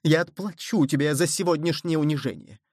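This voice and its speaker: A man's voice: fairly high pitch, brisk, a little mellow, no room sound, clean studio sound. A man voicing a proud, imperious queen who speaks in a commanding tone. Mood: bitter.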